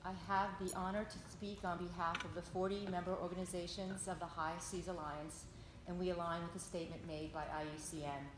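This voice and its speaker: A woman reads a formal prepared statement as a delegate, in a measured, earnest and emphatic manner. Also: fairly low pitch, little pitch movement. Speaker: NGO delegate speaking for an alliance. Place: large indoor conference meeting room. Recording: echoey conference hall, background noise.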